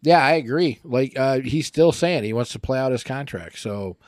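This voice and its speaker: A man's voice: medium pitch, lively intonation, normal speed, darkish tone, no room sound, studio quality. A man co-hosting a casual sports chat, agreeable and easygoing, with casual swearing. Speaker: podcast co-host.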